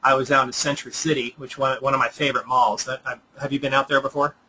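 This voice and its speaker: A man from Southern California hosting a casual online chat, talking in halting bursts full of fillers and restarts. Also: mid-range voice, little pitch movement, bright, forceful tone, slight background noise, rough recording. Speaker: host. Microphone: computer microphone on a web call.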